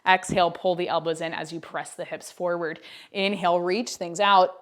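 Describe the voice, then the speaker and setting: A woman's voice: on the low side, flat delivery, normal speed, a bit bright. A woman in her twenties teaching a home Pilates class, counting down reps with chatty, encouraging asides and a little out of breath. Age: 20s. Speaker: Pilates instructor. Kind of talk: workout class instruction. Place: indoors at home. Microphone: wearing a mic.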